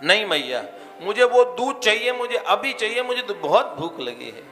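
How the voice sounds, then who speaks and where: A man's voice: high-pitched, sing-song, moderate pace, fairly bright tone, pitched above the performer's own voice, exaggerated voice. A man playing a charming young boy, a divine guest who coaxes and insists on being fed. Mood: insistent. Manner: coaxing, insistent. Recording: reverberant hall, faint music behind.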